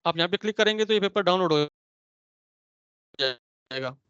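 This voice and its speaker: A man's voice: high-pitched, expressive, normal speed, fairly bright tone, clean tone, dry recording, muffled recording. A man giving step-by-step exam instructions on an online call, sprinkling in English terms, his audio choppy and cutting out. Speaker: exam trainer. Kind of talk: online training session. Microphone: computer mic on a video call.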